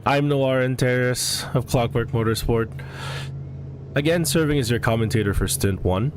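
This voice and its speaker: A man giving live sim racing commentary as a regular commentator, halting and often correcting himself. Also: mid-range voice, slight background noise. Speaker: race commentator.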